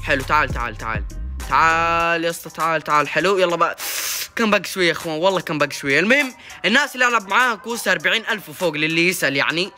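A young man talks through his gameplay at a rapid clip in a high, sharp, very bright voice. He chatters excitedly, slipping into sing-song cheers and groans. Faint music plays behind him. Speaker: gaming YouTuber. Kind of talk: gameplay commentary.

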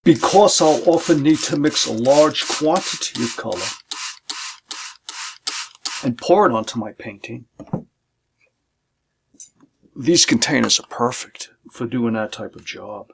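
A middle-aged man with a gravelly, fry-edged voice explains his watercolor setup in an unhurried, methodical way. He lists paints and brushes one by one like a patient art teacher. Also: mid-range voice. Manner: calm, methodical, listing supplies one by one. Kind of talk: instructional demonstration. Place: home art studio, indoors.

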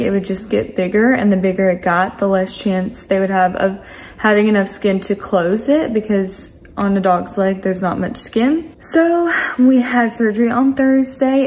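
A woman's voice: medium pitch, darkish tone. Young woman in her twenties, casual home vlogger, rambly and chatty, filmed on a handheld camera in her kitchen. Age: 20s. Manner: chatty, rambling with frequent ums and likes. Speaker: lifestyle vlogger. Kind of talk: casual vlog chat to camera. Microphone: phone camera at arm's length.

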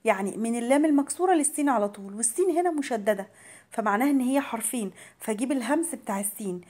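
An Egyptian woman teaching Quran recitation. She chants verses slowly and drawn out, then explains the rules quickly and patiently in everyday colloquial speech. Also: a little high, animated, darkish tone. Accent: Egyptian Arabic. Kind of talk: tajweed lesson, slow chanted recitation between quick explanations.

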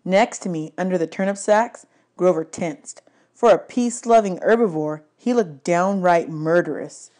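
A teacher reading a novel aloud, with a slow, measured and expressive delivery. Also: female voice, on the low side. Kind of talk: audiobook read-aloud.

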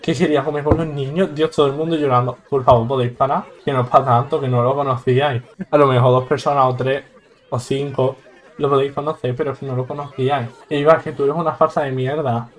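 A man's voice: medium pitch, fairly even intonation, quick pace. Joking Spanish man playing a game. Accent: Spain Spanish. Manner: joking, exclamatory, laughs often. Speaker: gaming YouTuber. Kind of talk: let's play commentary.

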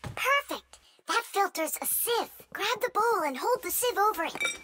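A woman voicing a tiny cheerful girl fixie who brightly explains how things work, step by step, in a cartoon. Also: expressive, unhurried, full character voice. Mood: coaching. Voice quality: high, bright childlike voice. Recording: music bed under voice.

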